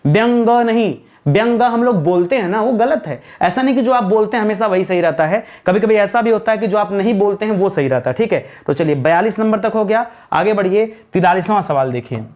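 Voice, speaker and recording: A man's voice: high-pitched, lively intonation, a little fast, hardly any pauses, darkish tone. Male Hindi teacher quizzing his class. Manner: repeats questions to students, calling them "friends"; clears throat now and then. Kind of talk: spelling lesson at a board.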